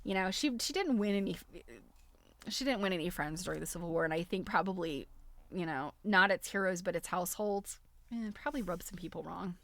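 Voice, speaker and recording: On a live stream, a woman with a fairly low, brisk voice reads a book aloud expressively and with amusement, dropping in chatty, casual asides.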